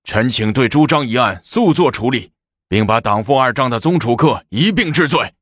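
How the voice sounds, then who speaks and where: A man voicing a stern, upright chancellor who speaks forcefully and indignantly. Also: mid-range voice, animated, moderate pace, breathy edge, no echo, clean studio sound, pitched above the performer's own voice.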